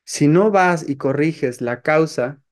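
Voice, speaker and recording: Brief: Mexican male teacher, animated storyteller, fairly high voice. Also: slow. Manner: animated, acts out several voices. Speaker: meditation course teacher. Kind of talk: storytelling lesson.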